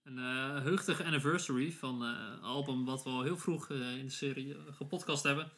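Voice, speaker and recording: A man's voice: mid-range voice, brisk, a bit bright. Hesitant male podcast co-host chatting casually. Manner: hesitant, thinking aloud. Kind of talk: casual chat about records.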